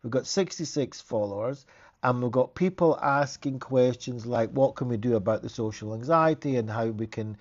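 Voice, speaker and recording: A man's voice: mid-range voice, moderate pace, lo-fi sound. A man, a therapist hosting a casual live stream, talking in a chatty, rambling way with frequent restarts.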